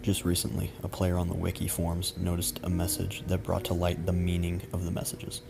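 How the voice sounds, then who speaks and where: A man reading a scripted creepy story as narrator in a measured, matter-of-fact way. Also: low-pitched, completely flat delivery, gravelly. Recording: music behind the voice. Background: background music.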